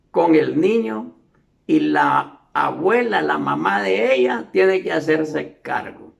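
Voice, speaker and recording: Honduran male lecturer, slow and emphatic, gravelly edge, preaches through repetition. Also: high-pitched. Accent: Honduran Spanish. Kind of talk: moral lecture.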